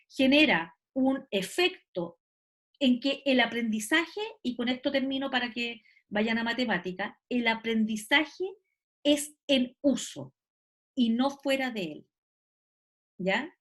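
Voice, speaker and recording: A woman, voice sitting a bit high, lectures a class over a video call. She explains step by step and keeps checking that her students follow along. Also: a bit bright. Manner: explanatory, checks understanding with "¿cierto?" and "¿ya?". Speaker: teacher.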